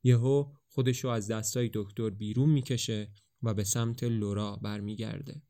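A man narrating the story of a play in a steady, colloquial way for a podcast. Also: lowish voice. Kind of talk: narrating a play in casual spoken Persian.

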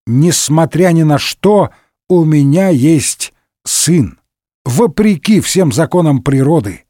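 A man's voice: a little high, big pitch swings, measured pace, darkish tone, breathy edge, no echo, studio quality, heavily acted. A man voicing a cheerful, boastful old nobleman musketeer who tells tall tales in a parody audiobook. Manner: exclamatory, tall-tale bragging.

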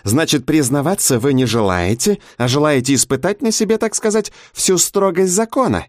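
A man's voice: fairly high pitch, animated, no room sound, clean studio sound, pitched above the performer's own voice, natural voice. A man voicing a mocking male interrogator who drags out his bureaucratic phrases. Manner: mocking, drawn-out officialese.

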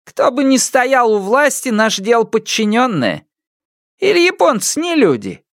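A domineering old peasant matriarch, as a man acts her out, barks orders in a high, sharp voice. Her scolding tone rises and falls widely. This is an audiobook-style reading with a dry, close sound. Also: very animated, a little slow, no room sound, exaggerated voice. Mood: grumbling.

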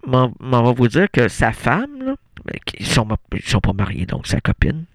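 Give me a Québécois man hosting an absurd comedy bit on the radio, rambling and cutting himself off again and again. His voice has a gravelly fry and a lively, bouncing pitch. The sound is close and dry at a studio mic. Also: moderate pace, dry recording. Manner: rambling, self-interrupting, talks back to himself. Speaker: radio host. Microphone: radio studio microphone.

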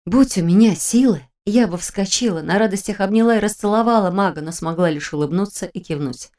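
A woman reading a first-person fantasy audiobook in a measured, expressive way. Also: mid-range voice. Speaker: audiobook narrator.

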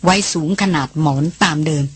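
A man narrating a novel as an audiobook reader, in a steady, expressive way. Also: a little fast. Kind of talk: scripted narration.

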